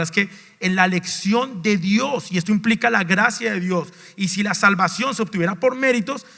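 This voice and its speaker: High-voiced pastor preaching in a reverberant hall. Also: male voice, vocal fry, pushed and bright. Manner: swings between raised emphatic lines and low, near-muttered asides; repeats words and restarts phrases as he talks. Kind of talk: sermon. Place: church sanctuary. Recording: long reverb of a large church hall.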